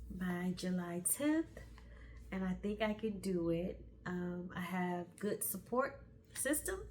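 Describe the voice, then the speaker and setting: A woman's voice: medium pitch, a little hiss or hum. A middle-aged woman hosting a motivational podcast, speaking candidly and encouraging her listeners. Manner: encouraging, candid, slow and emphatic. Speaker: podcast host.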